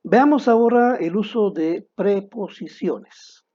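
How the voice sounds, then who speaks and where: A man teaching a grammar lesson to students, deliberate and didactic, posing rhetorical questions and then answering them. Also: high voice, lively intonation, muffled recording.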